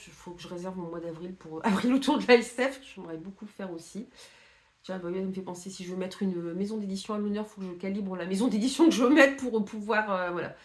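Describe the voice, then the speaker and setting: A woman chatting casually to camera about her reading plans, with many fillers and restarts. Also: mid-range voice. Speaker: book vlogger.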